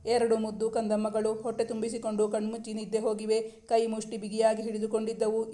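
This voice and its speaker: Woman storyteller, high-ish, monotone, mellow; steady novel reading. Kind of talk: reading a romance novel aloud.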